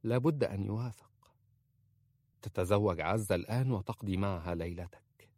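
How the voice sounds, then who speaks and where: A man voicing a passionate, remorseful young princess who speaks softly and pleads. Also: fairly low pitch, moderate pace, dry recording, clean studio sound, lightly acted. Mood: pleading. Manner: pleading, soft-spoken.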